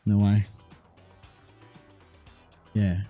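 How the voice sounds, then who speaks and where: A man's voice: lowish voice, completely flat delivery, drawn-out words, mellow, faint music behind. A man co-hosting a podcast in casual chat, laid-back and hesitant, agreeing often. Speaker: podcast co-host.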